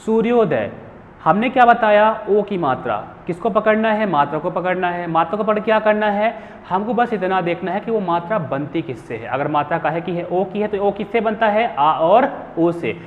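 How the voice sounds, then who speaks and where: A man's voice: high voice, animated, normal speed. A young man teaching Hindi grammar in a classroom lesson, asking questions and answering them himself. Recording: phone-like hall echo with faint hiss.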